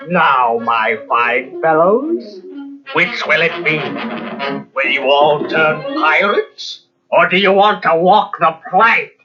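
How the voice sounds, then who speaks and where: A man playing a villainous, scheming pirate captain for a children's storybook, with theatrical, drawn-out menace. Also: on the high side, expressive. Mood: gloating menace. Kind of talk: children's storybook read-along acting. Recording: muffled cassette with music behind.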